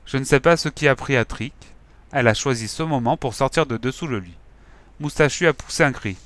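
A man narrates a children's novel with lively, expressive storytelling. His voice is bright and forward, recorded close and dry with no room around it. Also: medium pitch, fairly quick, dry recording. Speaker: audiobook narrator.

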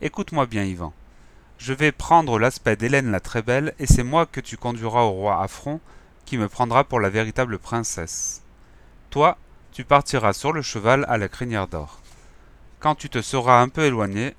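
A man's voice: medium pitch, normal speed, a bit bright, no echo, lightly acted. A man voicing a loyal, wise talking wolf in a storybook reading, giving firm, reassuring advice.

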